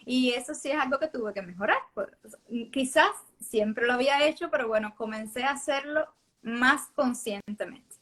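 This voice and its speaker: A woman's voice: sits high, normal speed, fairly bright tone. A woman hosting a live-stream conversation, reflecting as a mother on her son's speech and laughing lightly between points. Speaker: mother and host.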